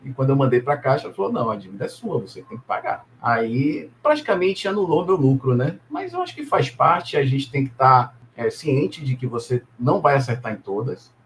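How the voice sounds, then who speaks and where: A middle-aged man, speaking at a middle pitch as an interview guest. He tells his experiences in a relaxed, unhurried way, stumbling over words and adding tag questions as he goes. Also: slight background noise. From Salvador, Brazil. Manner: relaxed storytelling with many hesitations and tag questions. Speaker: guest, businessman and property investor.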